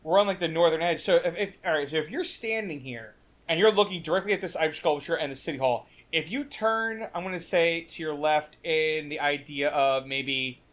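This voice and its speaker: Chatty man, slightly high voice. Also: normal speed, hardly any pauses, a bit bright. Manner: rambling, many restarts and fillers. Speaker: podcast co-host. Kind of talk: casual film discussion.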